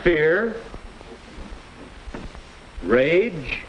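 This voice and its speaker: An actor playing a patient, middle-aged male teacher, explaining calmly in a 1950s educational film. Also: a little high, full character voice. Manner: calm, measured explaining. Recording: muffled old film soundtrack with hiss.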